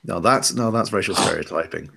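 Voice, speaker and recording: A man playing a tabletop game, narrating his character in a dry, deadpan way. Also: low voice, a little fast, vocal fry, slightly rough. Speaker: player. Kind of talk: casual tabletop play.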